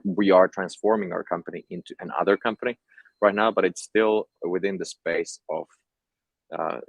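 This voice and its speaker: A young adult man from Finland, speaking with a Finnish accent, has a deep, creaky voice with no echo. He chats casually as an entrepreneur guest in an interview.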